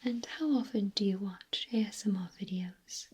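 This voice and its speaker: A woman in a whispered role-play as a clinic examiner, speaking gently in a breathy, unvoiced whisper. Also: medium pitch, slight background noise. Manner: slow, gentle, softly questioning. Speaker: ASMR performer playing a clinic examiner.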